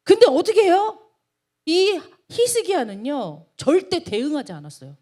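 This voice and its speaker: A woman's voice: high-pitched, normal speed. A woman pastor preaching a sermon to a college group. She keeps firing rhetorical questions at her listeners. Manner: emphatic, with constant rhetorical questions to the audience; lively, emphatic preaching with sudden rises.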